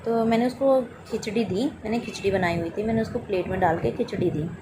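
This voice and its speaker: A woman's voice: medium pitch, brisk, background noise. A woman, a mother, telling a personal story about her daughter in spoken testimony style, voicing both her own lines and her daughter's as she goes.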